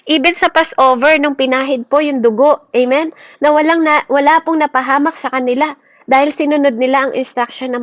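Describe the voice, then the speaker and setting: A high-pitched Filipino woman leads a morning Bible devotion in an earnest, fervent way, checking in with "Amen?" after nearly every point. The recording is a little dull and muffled, with a dry sound and no room echo. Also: a bit bright. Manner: earnest, fervent preaching with many restarts. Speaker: devotion leader.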